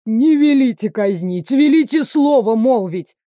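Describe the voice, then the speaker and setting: A timid, hungover palace guard in a fairy-tale audiobook whines and wails his excuses, as a woman reader puts him on. He pleads slowly, drawing out each phrase in a raised voice. The sound is dry and close. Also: a little high, animated, warm tone, no room sound. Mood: whining. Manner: whining, wailing, slow drawn-out pleading.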